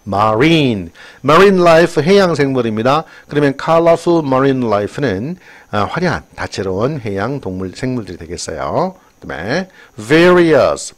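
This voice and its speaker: An older man giving a chatty exam-prep English lesson, drifting into personal asides. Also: on the low side. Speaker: English teacher.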